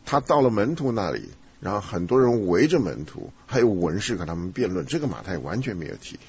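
A man hosting a casual Bible study discussion, teasing and conversational like a lively teacher. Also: fairly low pitch, brisk, slightly rough. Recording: dull lo-fi recording.

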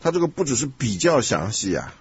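A man hosting a casual Bible study discussion, teasing and conversational like a lively teacher. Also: mid-range voice, fairly quick, a little hiss or hum. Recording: dull lo-fi recording.

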